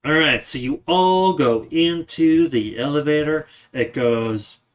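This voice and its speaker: A man's voice: on the high side, slow pace, smooth. A man narrating a tabletop game as game master, describing scenes and often restarting his sentences.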